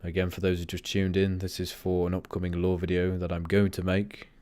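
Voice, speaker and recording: A man hosting a livestream, chatting casually in a monotone way and often drifting off topic. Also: sits low, fairly quick, dry recording. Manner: rambling, easily sidetracked. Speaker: livestream host.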